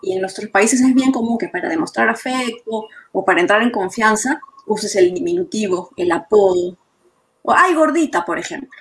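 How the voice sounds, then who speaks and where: Woman, explanatory, conversational, mid pitch. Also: normal speed. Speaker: guest therapist. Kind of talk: professional conversation.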